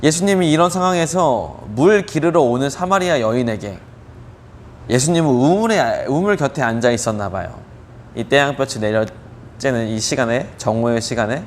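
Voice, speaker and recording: A man's voice: medium pitch, slight background noise. Brief: a male youth pastor preaching casually to teenagers, explaining a Bible story with rhetorical questions and hesitant fillers.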